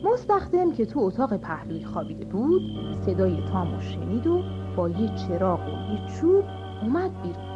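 A woman storyteller reads a children's tale and speaks straight to the kids. Her voice is mid-pitched but very lively and expressive. It is a dull, lo-fi recording with clear music underneath.

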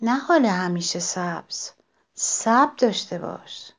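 A woman voicing a kind, restless wind in a children's story, speaking softly. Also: medium pitch, animated. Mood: tender.

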